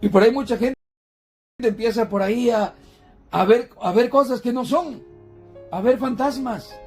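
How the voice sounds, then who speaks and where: Preaching in a church at a moderate pace, a man with a high, slightly rough voice keeps questioning the congregation and calling them brothers. He often repeats and restarts words, with soft music faintly behind him.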